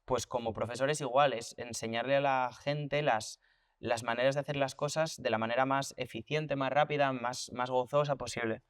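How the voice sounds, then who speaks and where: A man's voice: mid-range voice, fairly even intonation, normal speed, clear, resonant tone, no room sound, studio quality. A man from who teaches voice and acts, speaking reflectively in an interview and repeating words as he thinks things through. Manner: reflective, thinks aloud with restarts and repetitions; explains with hands-on examples and comparisons. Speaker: voice teacher and actor. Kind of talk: conversational interview.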